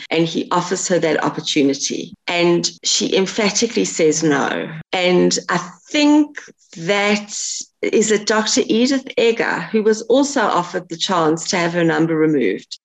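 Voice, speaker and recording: A woman's voice: fairly low pitch, unhurried, gravelly, low-quality recording. A woman interviewing an author about her book. She asks thoughtful, earnest questions and often restarts her sentences.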